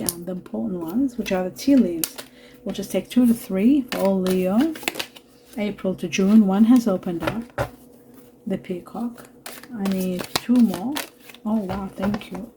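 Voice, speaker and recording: A woman reads tarot and oracle cards for her viewers in a soft, unhurried, reassuring way. Her voice is mellow and dark in tone, with a faint hiss of noise behind her. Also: mid-range voice. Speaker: tarot reader. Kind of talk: spiritual card reading to camera.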